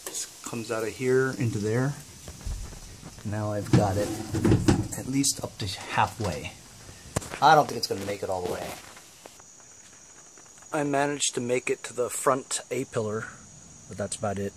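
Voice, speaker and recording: A man making a DIY how-to video talks through the job in and around a cargo van, casual and hands-on. His fairly low voice moves unhurriedly with long pauses, his manner blunt, colloquial and grumbly. There's noise in the background.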